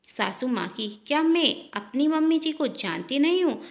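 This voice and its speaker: A woman's voice: high-pitched, expressive, moderate pace, gravelly, voice pushed up. A woman voicing a scheming elder sister-in-law who gossips in a coaxing, falsely sweet tone.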